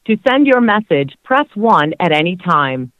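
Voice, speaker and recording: A woman's voice: on the low side, big pitch swings, measured pace, a bit bright, dry recording. A woman's recorded voice reading an automated voicemail menu over a phone call, formal and evenly paced. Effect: automated voicemail prompt over a phone call.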